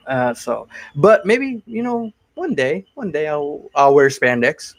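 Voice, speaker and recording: A Connecticut man in his forties chats casually on a live stream, answering viewer questions about his cosplay builds. His fairly high voice is sing-song and slow, and he rambles and often repeats himself.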